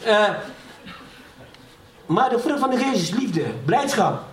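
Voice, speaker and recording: High-voiced man preaching in an echoey hall. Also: lively intonation, slow pace. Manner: keeps asking the congregation "ja?"; emotional testimony, voice rising in fervour. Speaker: pastor. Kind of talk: sermon. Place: church hall. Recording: echoey hall, from far off, faint background noise.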